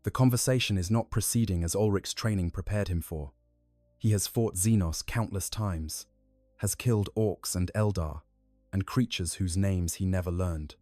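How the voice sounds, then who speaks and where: Deep-voiced man narrating lore. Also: normal speed, a little mellow, no room sound. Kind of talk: scripted story narration. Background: faint music.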